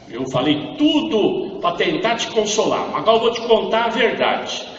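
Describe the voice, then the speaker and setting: Man, Brazilian Portuguese accent, high voice, church testimony, echoey hall, heard from afar. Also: distant mic, dull audio, slight background noise. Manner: acts out dialogue, grows louder and impassioned. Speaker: church member giving testimony. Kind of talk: emotional testimony retelling a story.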